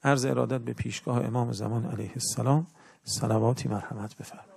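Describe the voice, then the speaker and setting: A man preaching a religious sermon in an earnest, instructive way, with his loudness swinging up and down. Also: mid-range voice, steady tone, gravelly, crowd noise.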